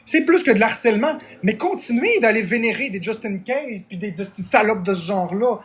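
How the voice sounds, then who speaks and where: A man's voice: high-pitched, lively intonation, normal speed, reverberant. A man with a Québécois French accent, a streamer venting in a heated, swearing rant at his chat. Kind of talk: angry livestream rant.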